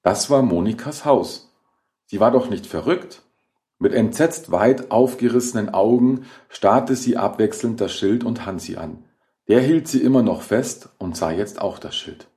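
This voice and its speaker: A man narrating a horror short story in a measured, dramatic reading. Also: fairly low pitch, warm tone. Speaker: audiobook narrator.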